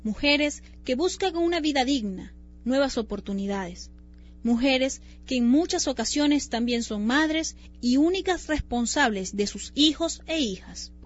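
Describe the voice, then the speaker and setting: A woman narrates a radio documentary in a measured, even delivery. Her voice sits fairly high. The sound is slightly muffled, with faint music beneath.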